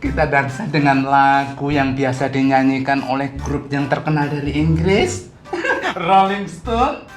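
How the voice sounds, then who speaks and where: Flirty, fussy, swooping comedy sweetheart. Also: female voice, rumbling low, animated, unhurried. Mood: flirty, giggly. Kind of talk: film comedy acting. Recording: echoey room with loud music.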